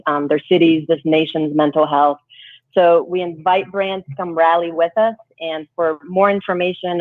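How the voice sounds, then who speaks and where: A woman's voice: sits low, dry recording. A woman talking as a remote guest on a talk show, earnest and promotional with fillers, her audio glitchy and degraded. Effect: glitchy, degraded call audio. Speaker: guest organizing a wellness event. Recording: tinny phone-line sound.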